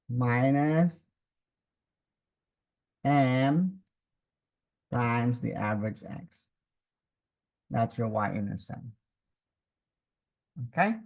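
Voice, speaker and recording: Gravelly man dictating a step-by-step tutorial. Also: medium pitch. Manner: dictates formulas piece by piece. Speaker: instructor. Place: screen-recorded lesson at a computer. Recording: slightly dull, muffled audio.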